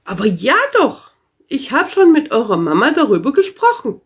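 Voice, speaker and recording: A woman's voice: on the high side, big pitch swings, normal speed, breathy edge. Pippi Langstrumpf, carefree girl, read by a woman. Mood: cheeky. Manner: bouncy, carefree, breezy. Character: cheerful, boastful red-haired girl, very strong. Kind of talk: storybook read-aloud.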